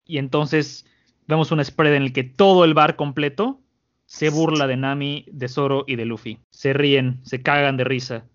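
A man with a Mexican accent casually retelling a comic story, animated and full of fillers, on a muffled recording. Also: medium pitch, moderate pace. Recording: muffled lo-fi audio.

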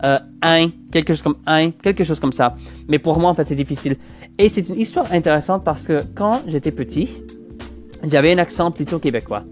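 A Canadian podcast host in his twenties speaks with a Parisian-style French accent learned in France, running a casual solo show. His fairly high voice is a little fast, with faint music behind. He rambles hesitantly and keeps restarting phrases.

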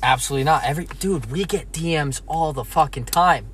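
A man's voice: a little high, brisk, fairly bright tone, slight background noise. A young man co-hosting a podcast, trading crude jokes and laughing a lot. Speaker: podcast co-host. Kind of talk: casual chat.

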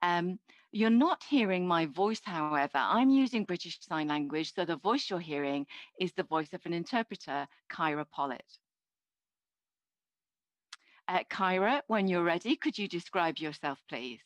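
A woman in her fifties working as a live interpreter. She speaks a deaf host's signed words aloud in the first person in a measured, steady way, with small restarts. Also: on the low side, dry recording. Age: 50s. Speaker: sign language interpreter voicing the host. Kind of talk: live spoken interpretation of an introduction. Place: home, seated before a plain screen.

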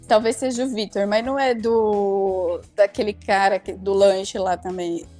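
A woman's voice: mid-range voice, steady tone, measured pace, a little mellow, faint music behind. A woman, co-hosting a casual chat with friends and telling stories full of fillers. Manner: chatty storyteller, lots of fillers. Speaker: podcast co-host.

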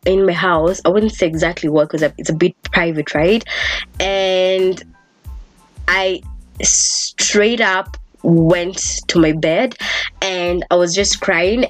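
A young woman hosting a casual solo podcast, talking in a chatty, animated way and swearing freely. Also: on the low side, slow, soft background music. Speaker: podcast host.

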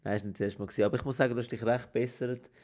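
A man with a Swiss German accent hosting a casual podcast chat, telling stories in an animated, indignant way. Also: mid-range voice, very fast. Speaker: podcast host.

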